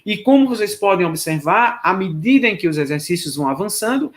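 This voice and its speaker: A man with a fairly high speaking voice lectures on choral rehearsal. He explains exercises in an instructive tone and sings solfège syllables to demonstrate them. He speaks directly to the students. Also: lively intonation, brisk.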